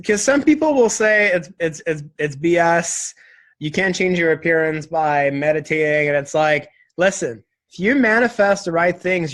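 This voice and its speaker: A man's voice: a little high, fairly bright tone. Candid young man, reflective and chatty. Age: 20s. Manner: candid, reflective, many fillers like "like" and "right?". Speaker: interview guest. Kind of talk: casual interview conversation.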